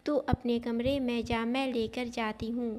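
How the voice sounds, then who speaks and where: A woman's voice: a little high, flat delivery, a little slow, a little mellow, close to an everyday voice. A woman voicing a harsh, bossy mother-in-law. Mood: scornful. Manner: cutting, bossy. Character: harsh scornful middle-aged mother-in-law. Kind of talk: storybook narration.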